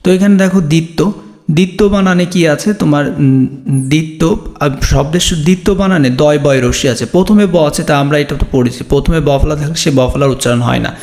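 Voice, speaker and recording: Man, gravelly, slightly high voice, step-by-step grammar lesson. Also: quick pace, darkish tone. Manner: explains step by step, asks and answers his own questions. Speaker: teacher. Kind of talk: exam-prep grammar lesson.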